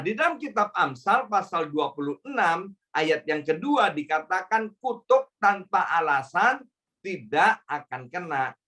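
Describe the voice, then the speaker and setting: A man's voice: a little high, a bit bright. A male pastor giving a church sermon in a chatty, conversational way, often addressing the congregation directly and adding tag questions.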